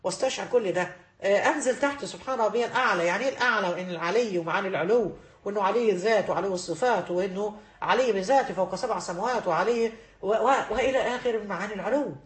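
A woman's voice: mid-range voice, very fast. An Egyptian woman teaches a religious lesson to women at a racing clip, pressing her points with emphatic repetition. Her voice rings in an echoey room. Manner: emphatic, repeats key phrases.

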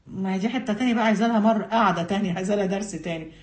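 A woman's voice: medium pitch, racing. A woman with an Egyptian accent giving a religious lesson, speaking earnestly and directly to her women listeners. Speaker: religious teacher. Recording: roomy echo.

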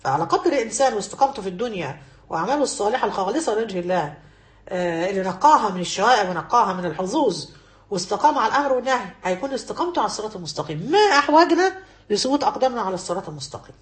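A woman's voice: mid-range voice, lively intonation, racing, reverberant. An Egyptian woman teaching a religious lesson to women, earnest, repeating key phrases and quoting scholars. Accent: Egyptian Arabic.

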